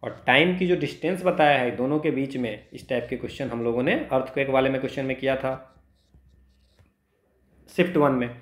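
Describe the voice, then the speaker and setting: Speaking in a mid-range voice, an Indian man guides students through exam problems piece by piece. His tutorial is halting, mixes Hindi and English, and is sprinkled with frequent little check-in phrases.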